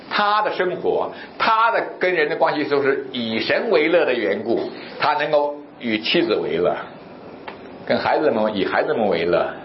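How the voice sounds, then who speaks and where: Animated male pastor in an echoey church. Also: medium pitch. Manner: animated, rhetorical questions, storytelling. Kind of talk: sermon. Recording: echoey, slightly dull recording with faint noise.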